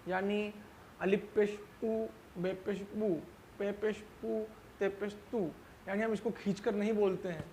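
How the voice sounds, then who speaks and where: A man teaching a language lesson. He explains slowly, asks himself questions and answers them, and stretches out example syllables carefully. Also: high-pitched, darkish tone, a little hiss or hum. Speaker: Urdu teacher. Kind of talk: classroom-style language lesson.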